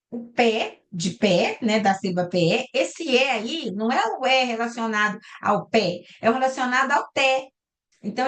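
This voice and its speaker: Her voice is a little high and a bit bright as she teaches a recorded online class over a video call. She is a Brazilian Portuguese lecturer who explains step by step and checks in with students, often closing with "tá?" or "né?", heard through a computer mic.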